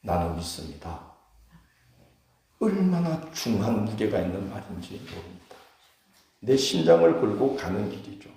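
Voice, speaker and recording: A man's voice: lowish voice, very animated, normal speed, gravelly, dark tone. A male pastor with a Gyeongsang accent, preaching a Sunday sermon in a conversational way and quizzing the congregation with questions. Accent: Gyeongsang Korean. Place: church sanctuary. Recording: very echoey church hall.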